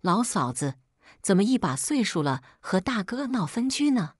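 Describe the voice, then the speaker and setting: A woman voicing a calm, shrewd middle-aged mother who speaks firmly and teases slyly. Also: medium pitch, moderate pace, slightly rough, no echo, studio quality.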